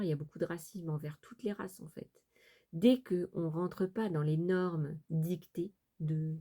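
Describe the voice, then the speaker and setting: A middle-aged woman from France talks to her craft channel's viewers in a low, mellow voice. She rambles casually, circling back with fillers and restarts. Her tone stays soft and unhurried, never sharp. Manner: hesitant, many fillers and restarts, chatty asides. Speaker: sewing and crafts vlogger.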